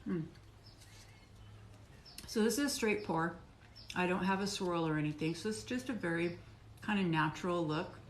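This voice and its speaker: Here a middle-aged woman with a fairly low voice chats at a moderate pace, pausing often, while she slices soap for a live stream. She rambles on between bites, talking as she chews and works in her home soap workshop. Expect an echoey space with noticeable background noise.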